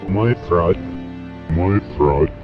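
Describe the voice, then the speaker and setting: A man's voice: deep voice, drawn-out words, highs cut off, over music. A man's archive speech played backwards, heard as slurred, garbled syllables in short phrases that repeat over and over.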